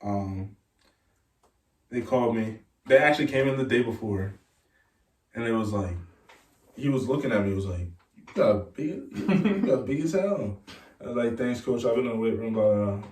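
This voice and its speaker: On a podcast, a young college football player with a lowish voice talks fairly quickly, pausing often as he shares casual stories. He animatedly performs the voices of the people in them; the sound is roomy, the mic at a distance.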